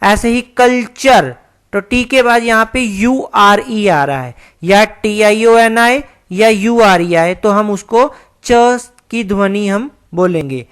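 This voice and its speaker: A woman's voice: medium pitch, slow, clean tone. A woman teaching an online English lesson, explaining carefully and spelling words out letter by letter.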